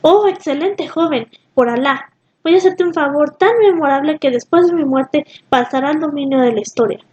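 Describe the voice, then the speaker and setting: A woman's voice: sits high, normal speed, a little mellow, dull audio, close to an everyday voice. A woman voicing a vengeful king in a storybook reading. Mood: solemn. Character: vengeful king feigning a weak voice.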